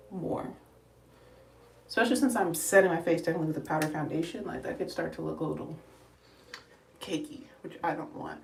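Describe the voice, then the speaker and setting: This beauty livestreamer, a young adult woman, chats through her makeup tutorial breathlessly and calls her viewers "y'all." Her low, darkish voice comes across slightly distant in an echoey room, with a little hiss or hum.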